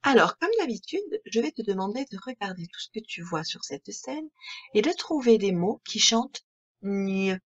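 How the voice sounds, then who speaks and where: A woman with a French accent, teaching a reading lesson to young children in a slow, clear, patient way that spells out each word. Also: mid-range voice, expressive, highs cut off. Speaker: primary school teacher.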